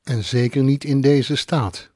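A man's voice: medium pitch, steady tone, a little slow, warm tone, dry recording, clean studio sound, lightly acted. Pia, a snappish bossy widow, as a man reads her. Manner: snappish, curt. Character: sharp-tongued middle-aged widow, irritable and bossy.

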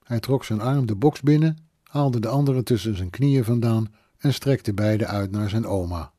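A male audiobook narrator reading a first-person story in a measured, plain storytelling manner. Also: on the low side, mellow, dry recording, studio quality.

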